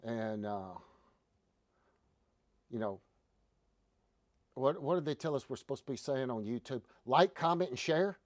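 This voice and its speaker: A man with a drawl talks easily and folksily, like he's winding down a late show. His voice is middle-pitched and sits in a dry, close sound with no room around it. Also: expressive, a little slow, pauses often, dry recording. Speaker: show host. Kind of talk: casual livestream chat.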